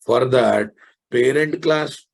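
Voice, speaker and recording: A male programming teacher with a Telugu Indian accent. His voice is gravelly and husky, and he speaks slowly. He lectures informally and bluntly, repeating phrases to drive them in. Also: mid-range voice. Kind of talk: informal live online lecture.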